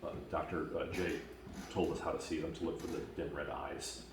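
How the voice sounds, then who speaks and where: A man from Washington state gives a camp testimonial as casual, halting storytelling with many fillers, growing lively as he retells events. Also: a bass voice. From Washington state, USA. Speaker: camp attendee giving a testimonial. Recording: very echoey, distant mic, faint noise.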